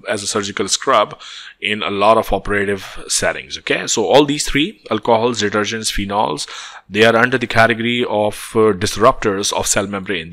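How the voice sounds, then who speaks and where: A man's voice: on the low side, a bit bright. A man with a Pakistani accent and native Urdu lectures on medicine, reading textbook material aloud and explaining it as he switches between English and Urdu.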